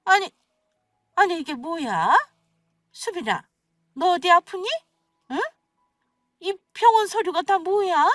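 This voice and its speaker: A woman voicing a shrill, scolding older mother-in-law in a radio story, with a nagging, accusing manner. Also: animated, slow, pauses often, fairly bright tone, no echo, studio quality, recorded from a distance, faint music behind, full character voice. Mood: suspicious. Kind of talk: scripted radio story acting.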